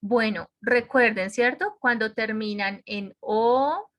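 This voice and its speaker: A woman's voice: a little high, slow pace, fairly bright tone. A woman teaching an online English grammar class, explaining step by step and checking in with her students. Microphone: computer microphone on a video call.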